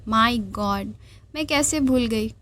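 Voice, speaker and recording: A proud, hot-tempered young woman, voiced by a woman reading a novel aloud, who snaps back indignantly. Her voice sits a little high. The reading is an audiobook of a romance story. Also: takes it slowly, fairly bright tone, a little hiss or hum. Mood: exasperated. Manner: indignant, snapping.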